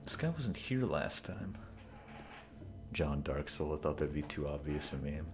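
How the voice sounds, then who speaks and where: Streaming a game, this man rambles and jokes in casual chat, letting filler words trail off. He has a very deep, animated voice and an unhurried pace, with background noise behind him.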